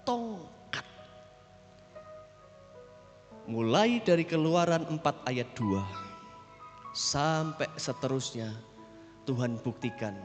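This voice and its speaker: A man's voice: medium pitch, expressive, takes it slowly, long pauses. A pastor with a Javanese accent preaching an impassioned sermon to his congregation. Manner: impassioned, exhortative, frequent audience address. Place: church sanctuary. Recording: church hall reverb, faint music.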